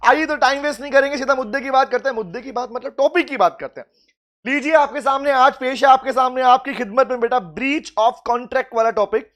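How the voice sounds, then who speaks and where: A man's voice: very high voice, a bit bright. A man, teaching law in a live online class, greeting students by name and reading practice questions aloud before explaining them.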